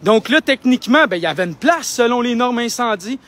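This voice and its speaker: Young man, Québécois accent, high-pitched, indignant, argumentative, phone livestream outdoors. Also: lively intonation, fairly quick, a bit bright. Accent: Québécois French. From Quebec. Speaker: independent livestreamer. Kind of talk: live street vlog. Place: outdoors outside a building.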